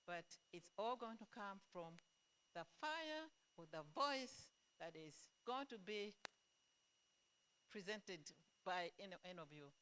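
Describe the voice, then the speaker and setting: A middle-aged woman addresses a gathering in a slow, deliberate way, pausing between phrases. Her pitch sits in an ordinary middle range. She speaks earnestly and stresses her key words. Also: lively intonation, fairly bright tone, clear, resonant tone. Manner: slow, earnest and emphatic, with pauses. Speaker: event organizer giving a speech. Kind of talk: speech to an audience.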